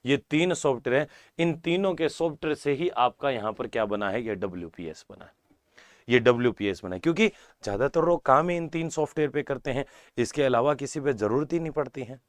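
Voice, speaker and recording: A man's voice: medium pitch, expressive, fairly quick, no echo. A man teaching a computer class live online, repeating key terms, checking in with the class and calling the students "beta". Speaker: exam-prep computer teacher.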